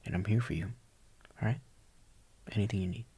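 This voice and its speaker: Brisk and fairly low-pitched, a young man plays a doting, tender boyfriend in soft ASMR roleplay. His breathy voice hovers near a whisper as he coaxes and reassures gently, in a tender, soothing mood.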